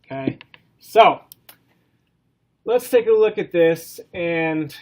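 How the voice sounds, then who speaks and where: Congested from a cold, a male college instructor lectures with a nasal, somewhat higher-than-average voice. His pace is easygoing, he says "um" when he pauses, and he keeps turning questions back to the class.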